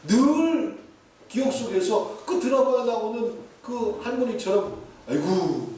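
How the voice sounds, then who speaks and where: A man preaching a sermon as pastor, lively and playful, mimicking short dialect phrases. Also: very high voice, measured pace. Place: church sanctuary. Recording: echoey, distant, faint hiss.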